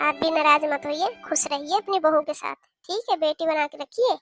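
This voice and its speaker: A woman's voice: sits high, normal speed, a bit bright, faint music behind. Woman voicing a caring young daughter in a cartoon. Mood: earnest. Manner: earnest, pleading. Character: caring young married daughter visiting home. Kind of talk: cartoon voice acting.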